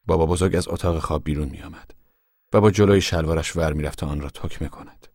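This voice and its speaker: A man giving measured, solemn scripted narration of a novel for a radio drama. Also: a bass voice, darkish tone, no echo, clean studio sound.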